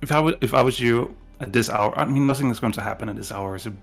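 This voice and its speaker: A man's voice: mid-range voice, quick pace, creaky, husky, soft background music. A man playing a coaxing disguised lady. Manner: coaxing, hesitant restarts. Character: charming shape-shifted woman posing as a noble lady.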